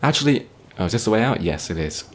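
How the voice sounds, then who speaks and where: A man's voice: fairly low pitch, very animated, quick pace, crowd noise. A man giving nervous, jokey let's-play commentary, rambling and yelping when he gets startled. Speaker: gaming youtuber.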